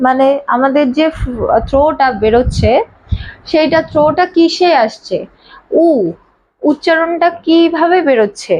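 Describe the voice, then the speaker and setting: A woman with a high voice gives a relaxed spoken lesson to parents. She explains each step patiently and says each sound again and again. The recording sounds dull and lo-fi. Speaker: teacher.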